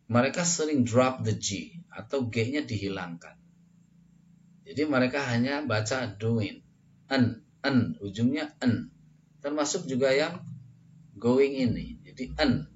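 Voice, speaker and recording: Man, English lesson, slow careful explaining, muffled lo-fi sound. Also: medium pitch, lively intonation, a little hiss or hum. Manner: explains slowly, models English phrases for repetition. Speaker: English teacher. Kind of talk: language lesson.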